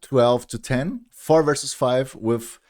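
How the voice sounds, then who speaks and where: Slow and darkish in tone, a medium-pitched man in his thirties talks casually to viewers on his live stream in German-accented English. His talk meanders, full of restarts and little self-directed chuckles.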